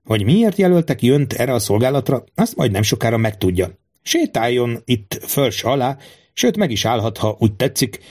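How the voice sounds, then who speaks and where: A man voicing Oliver, a secretive royal barber who gives orders in a soft, hushed voice. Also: mid-range voice. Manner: speaks softly, commanding.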